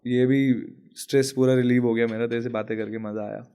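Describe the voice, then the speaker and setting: A man's voice: mid-range voice, level tone, a little fast, mellow, clear, resonant tone. A young man, a podcast guest, telling a funny story in casual chat and laughing often.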